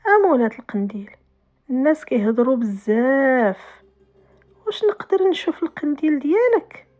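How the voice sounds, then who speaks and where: A woman's voice: high voice, sing-song, moderate pace. Inquisitive Moroccan neighbourhood official, male, played by a female storyteller, folk tale, slightly lo-fi. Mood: inquiring.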